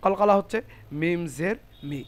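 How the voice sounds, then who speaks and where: A man's voice: sits high, normal speed. A man teaching Quran recitation in an online class, explaining the rules step by step and patiently correcting his students.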